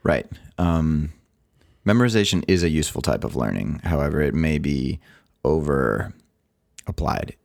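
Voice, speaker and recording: A man with an extremely deep, low voice co-hosts a casual podcast chat. He gives earnest advice and drifts into goofy, playful riffs. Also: very animated, moderate pace, creaky, darkish tone. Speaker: podcast co-host.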